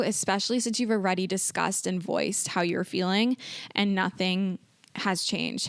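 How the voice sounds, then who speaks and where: A woman's voice: medium pitch, smooth, no echo, studio quality. A young woman hosting a casual advice podcast, speaking earnestly and reassuringly, repeating points for emphasis. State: tearful, emotional. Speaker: podcast host.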